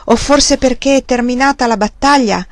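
A woman narrating a classic novel as an audiobook reader, calm and measured. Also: high voice, no echo.

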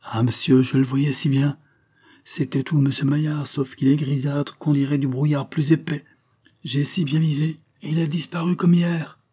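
A man reading a story, voicing an excitable male servant who talks in an agitated, insistent way. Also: on the high side, normal speed, slightly rough, pitched above the performer's own voice. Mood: excited.

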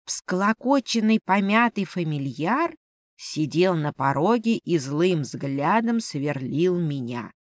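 A woman narrates a first-person fantasy audiobook in a measured, storytelling voice. Her delivery is slow, and her pitch moves a lot. The recording is close and dry. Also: very animated, no room sound. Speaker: audiobook reader.

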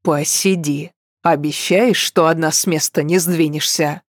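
A woman's voice: sits low, fairly even intonation, dry recording, clean studio sound. A woman reading a patient, protective young man. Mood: patient firm. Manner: measured, firm, patient.

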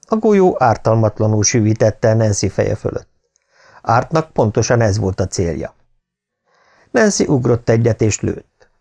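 A man narrating an audiobook thriller in a calm, measured way. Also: medium pitch.

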